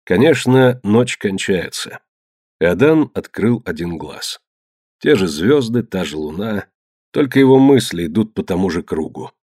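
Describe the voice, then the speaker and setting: Low, measured male audiobook narrator. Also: big pitch swings, darkish tone, no echo, clean studio sound. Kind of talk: scripted narration.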